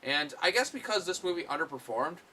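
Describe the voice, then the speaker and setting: A man's voice: fairly high pitch, very animated, a little fast, sharp tone, a little hiss or hum. A man giving a casual, rambling film review, full of fillers and blunt swearing. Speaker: movie reviewer.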